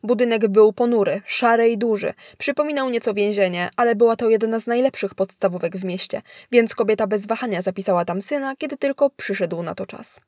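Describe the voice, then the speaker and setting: A woman narrating a thriller story in a steady, measured reading voice. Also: medium pitch, no echo, clean studio sound. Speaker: audiobook narrator.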